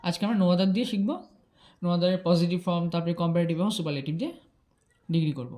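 A woman's voice: fairly low pitch, quick pace, mellow. A woman explaining grammar rules step by step, patiently checking that her students follow. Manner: patient, checks in with "ঠিক আছে?", mixes English terms into Bengali. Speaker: English grammar teacher.

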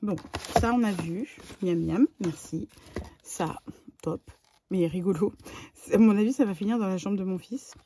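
A middle-aged woman with a French accent chats her way through an unboxing, excitable and talkative, repeating words and filling pauses. Her voice is mellow and dark-toned. A faint hiss of noise sits under the recording. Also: medium pitch. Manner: chatty and excitable, lots of fillers and repeated words. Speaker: vlogger. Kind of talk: casual unboxing chat.

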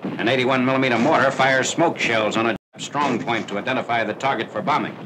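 A man reading a scripted wartime newsreel narration in a formal, measured announcing manner, heard on an old 1940s newsreel soundtrack. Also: mid-range voice. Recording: noisy, hissy 1940s newsreel film soundtrack.

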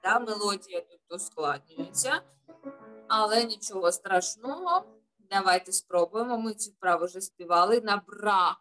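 A woman's voice: medium pitch, expressive, unhurried, sharp tone, soft background music. A woman vocal teacher leading a children's singing lesson, patient and encouraging, using diminutives and checking in with a questioning "right?".

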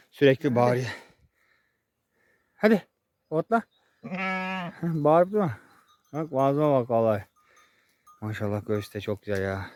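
A young man vlogging outdoors in a village pasture, chatting to viewers and calling out loudly to his animals. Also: a little high, no room sound. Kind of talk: casual chat to camera.

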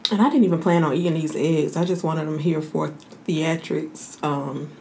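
An American woman with a slightly low voice hosts a casual eating video. She talks around mouthfuls and pauses to chew. The indoor recording has clear background noise. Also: steady tone, dark tone. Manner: talking with food in mouth, pausing to chew. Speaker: mukbang video host. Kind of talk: casual chat while eating. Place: indoor room.

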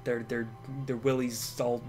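A man's voice: medium pitch, little pitch movement, a little slow, over music. A man co-hosting a let's play, joking crudely and giggling through casual commentary.

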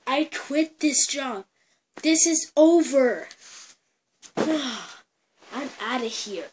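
A home toy play video where one storyteller improvises every character in a slow, halting, playful way. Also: sits high, expressive, slight background noise.

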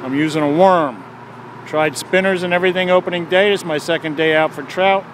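A man with a fairly high voice narrates his fishing outing in a chatty, plainspoken way, recorded outdoors on a handheld camera by a creek. Faint traffic hum from a nearby bridge sits behind him. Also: fairly quick. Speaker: fishing vlogger. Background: faint traffic noise.

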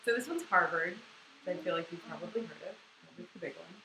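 A woman's voice: fairly low pitch, fast. A young woman from Boston gives a casual presentation to a class of English learners, chatting loosely with many fillers. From Boston, USA. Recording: echoey room with background noise.

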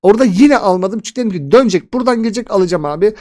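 Fast-talking excitable man analysing charts. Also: high-pitched. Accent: Turkish. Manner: excitable, chatty, addresses viewers as friends and 'abi'. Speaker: crypto analysis host. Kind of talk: casual chart analysis talk.

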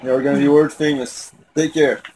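A man's voice: on the high side, little pitch movement, normal speed, darkish tone, a little hiss or hum, rough recording. A young man, a native French speaker, chatting casually to a handheld phone as a travel vlogger. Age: young adult.

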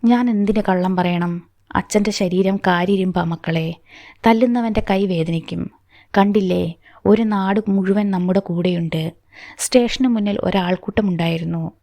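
A woman voicing a steady, protective middle-aged father who speaks firmly, in a warm, dry reading. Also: medium pitch, moderate pace, dry recording, natural voice. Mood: reassuring. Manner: firm, reassuring.

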